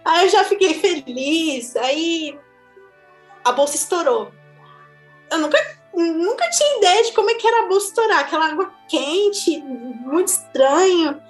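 A woman with a Brazilian Portuguese accent recounts her own experience in a lively, chatty voice that sits high in pitch. She speaks casually and laughs easily. The room rings with echo, and faint music plays underneath. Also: a little slow. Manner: animated, chatty, laughs often. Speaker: mother telling her birth story. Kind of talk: casual personal storytelling.

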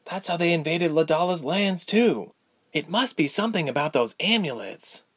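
A man's voice: on the high side, lively intonation, moderate pace, a bit bright, slightly rough, no echo, clean studio sound, voice pushed up. A man voicing a distressed young woman haunted by visions, anxious and pleading, turning angry. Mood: troubled. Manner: anxious, pleading, rising to anger. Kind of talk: audiobook character voice.

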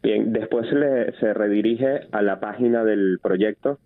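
A man's voice: on the low side, unhurried. A young man, a journalist speaking articulately and explaining things in a phone interview. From Venezuela. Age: young adult. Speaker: journalist guest. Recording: tinny phone line.

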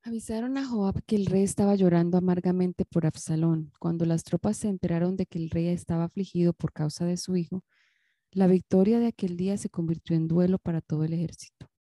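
A woman's voice: on the low side, steady tone, fairly quick, dark tone, no room sound. A woman reading scripture aloud with care, now and then stopping to correct herself. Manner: careful reading with occasional self-corrections. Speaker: Bible reader.

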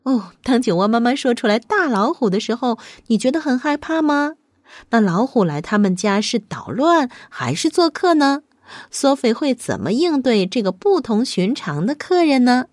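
High, animated woman telling bedtime stories. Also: normal speed, no echo, clean studio sound. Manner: expressive, addresses children with questions. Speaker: children's bedtime story host. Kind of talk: bedtime storytelling for children.

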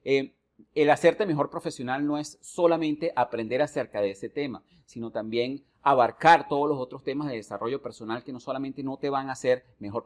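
A man from Venezuela hosting a podcast interview, speaking in a reflective, earnest way with long, building sentences. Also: mid-range voice. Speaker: podcast host. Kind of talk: conversational interview.

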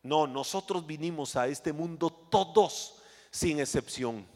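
A man's voice: fairly high pitch, slow pace. Emphatic male preacher in a reverberant hall. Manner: emphatic, swinging from loud to hushed, acts out scenes. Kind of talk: sermon.

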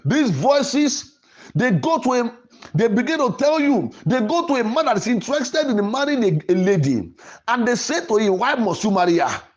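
A preacher who also hosts a podcast delivers a sermon emphatically and declaratively, repeating phrases for emphasis. His voice is medium in pitch, with big pitch swings, at a moderate pace.

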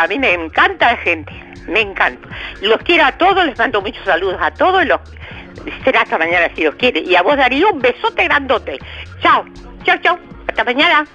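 An older woman with a Uruguayan accent calling in to a radio show, chatty and excited, laughing often and filling pauses. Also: on the high side, muffled recording. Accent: Uruguayan Spanish. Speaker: radio caller. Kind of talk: casual phone chat.

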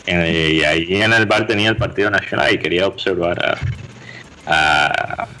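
A man's voice: low voice, moderate pace, rough recording. A man telling a story in casual podcast chat, acting out the voices of the people in it. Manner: animated storyteller, acts out voices. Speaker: podcast co-host.

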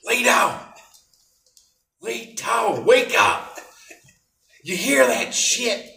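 A man doing a high, crude impression of a friend who barks orders in a hotel room. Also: huge pitch swings, extremely slow, creaky, recorded from a distance, full character voice. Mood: alarmed. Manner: barking sharp orders. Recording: roomy echo.

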